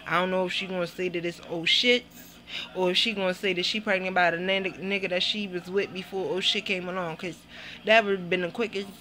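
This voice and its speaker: A woman sits and rants through her review of a TV episode, her voice bright and edged. She talks bluntly and with lots of life, cursing freely in a loose, casual vlog style. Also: lowish voice, fairly quick. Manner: blunt, animated, heavy cursing. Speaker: TV show reviewer. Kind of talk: casual profane vlog commentary.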